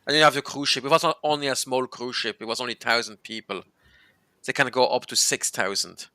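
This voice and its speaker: Bright, crisp-voiced man. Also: mid-range voice, fairly even intonation, no echo. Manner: halting, restarts often, explains local words. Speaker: host. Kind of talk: casual chat.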